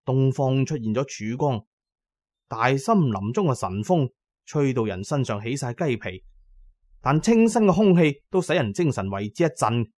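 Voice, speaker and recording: Clean studio audio with no room sound carries a man's medium-pitched, very animated voice, a little mellow and at normal speed. He tells a scripted first-person story dramatically, performing the characters' lines himself.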